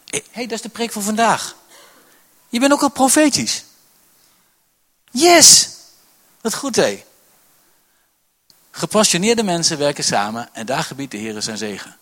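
A man, a pastor preaching a sermon to his church, swinging between loud calls and quiet asides. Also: on the high side, very animated, normal speed, long pauses. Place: church hall.

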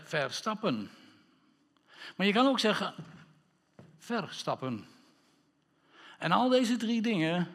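A man preaching a sermon as pastor, playful with wordplay and calling for amens from the congregation. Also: fairly high pitch. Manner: lively, playful wordplay, calls for amen. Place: church hall. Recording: reverberant church hall.

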